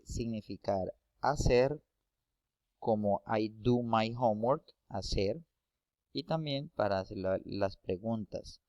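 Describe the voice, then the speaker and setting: Slow, patient man explaining a lesson. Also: fairly low pitch, darkish tone, dry recording. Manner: slow, patient, repeats and checks with "¿sí?". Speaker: English teacher. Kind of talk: classroom explanation.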